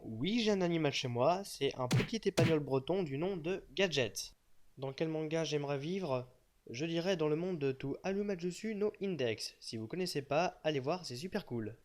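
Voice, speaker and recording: Playful young man, slightly high voice. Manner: joking, teasing, with mock-serious asides. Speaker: page admin answering fan questions. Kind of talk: casual FAQ voice-over. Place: unseen voice-over.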